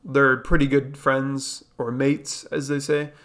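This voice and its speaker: A man's voice: mid-range voice, level tone, slow pace, fairly bright tone. A young man hosting a reaction video, talking casually with lots of fillers and repeating himself. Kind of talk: casual commentary.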